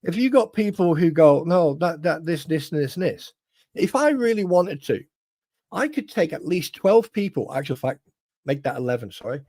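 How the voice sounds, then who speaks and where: Emphatic man, higher voice. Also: big pitch swings, normal speed, warm tone. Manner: emphatic, swears, many restarts. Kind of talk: casual livestream chat.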